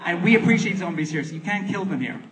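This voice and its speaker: A man's voice: high voice, expressive, fast talker. A man hosting a live film festival event from the stage of a theatre. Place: stage of a large cinema theatre. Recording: distant audience camera, loud crowd noise.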